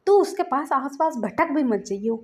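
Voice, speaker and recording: A woman's voice: high voice, expressive, normal speed. A woman voicing a hot-tempered young man who scolds and threatens to protect his younger brother. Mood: angry, protective.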